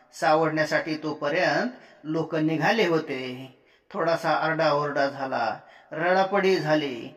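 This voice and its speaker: A man narrating a village story in a plain, measured storytelling manner, recorded in a roomy space. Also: a little high, a bit bright. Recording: roomy echo.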